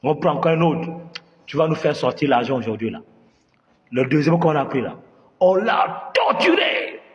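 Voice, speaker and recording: A man's voice: medium pitch, brisk, a little mellow, long reverb tail, muffled recording. A man from Gabon, telling a comic story as a storyteller and acting out scenes with voices and sound effects while asking the audience questions. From Gabon, Bitam area. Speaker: comedian storyteller.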